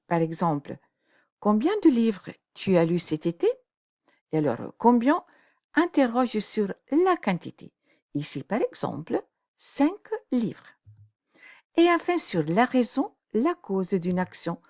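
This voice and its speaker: A woman teaching a grammar lesson at a slow, deliberate pace. Her pitch moves a lot, rising and falling as she walks patiently through each example step by step. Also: a little mellow. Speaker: French teacher.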